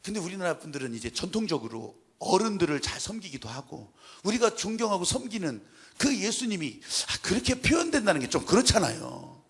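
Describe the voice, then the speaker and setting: A male pastor preaching a sermon in an animated, dramatic way, acting out the scenes he describes. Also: high-pitched, a little fast, breathy edge.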